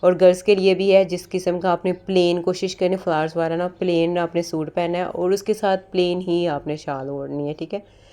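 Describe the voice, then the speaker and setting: A woman teaches interview preparation in a casual way, slipping English words into her explanations. Her voice sits a little low and sounds warm and mellow. She goes through each point patiently, one step at a time. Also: level tone, moderate pace. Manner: explains step by step, often repeats "ठीक है"; mixes English terms into Urdu. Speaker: interview prep tutor. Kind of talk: casual spoken lesson.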